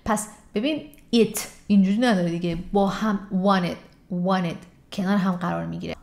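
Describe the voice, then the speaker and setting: A woman's voice: medium pitch, vocal fry. Woman teaching English casually. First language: Persian. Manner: explains lively, slows down to model English phrases. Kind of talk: casual video lesson.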